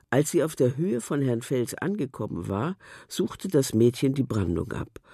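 A narrator reading a children's storybook aloud in a gentle, expressive way. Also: mid-range voice, husky, no echo, studio quality.

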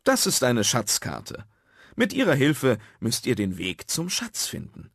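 A man voicing a friendly grown-up forester in a children's storybook, calmly explaining things. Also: mid-range voice, unhurried, slightly rough, dry recording, studio quality, full character voice. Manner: calm, explaining.

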